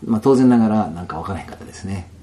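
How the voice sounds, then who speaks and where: Kansai guy spinning a story, low voice that swings up and down a lot, faint room hiss. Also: rapid-fire. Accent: Kansai Japanese. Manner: animated storyteller, laughs often, drops to soft low asides. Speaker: guest telling a personal story. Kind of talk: storytelling in casual interview.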